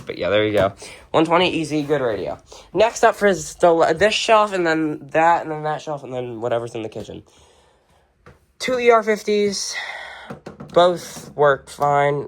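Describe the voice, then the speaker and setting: Someone with a mid-range voice and a very animated manner shows off their radio collection at normal speed, unscripted, tossing out short, blunt verdicts offhandedly. It's a casual show-and-tell at home, surrounded by shelves and tables of radios, with a little hiss or hum on the recording.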